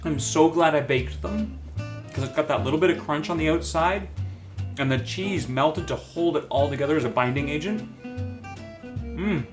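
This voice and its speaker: Male cooking host, casual and talkative, a bit high-pitched, recorded in a roomy kitchen. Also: moderate pace. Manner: chatty, admiring, thinks aloud while cooking. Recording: echoey room with guitar music behind.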